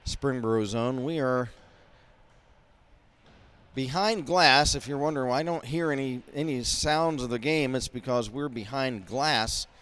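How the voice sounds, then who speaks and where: A man calling a high school hockey game play by play, folksy and rambling with lots of fillers, from behind glass up in a rink mezzanine. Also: fairly bright tone, clean tone. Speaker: play-by-play announcer. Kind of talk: amateur hockey play-by-play commentary.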